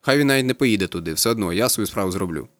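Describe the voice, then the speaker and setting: A man narrating a literary audiobook, brooding and intense, with a rhythmic delivery. He reads at a quick clip, and the sound is close and dry with no room in it. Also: fairly low pitch, expressive, a bit bright, dry recording. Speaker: audiobook reader.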